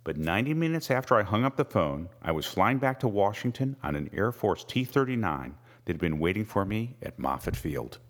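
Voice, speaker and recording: A man reading a first-person novel aloud with measured, wry storytelling. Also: lowish voice, very animated. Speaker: audiobook narrator. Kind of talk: scripted first-person narration.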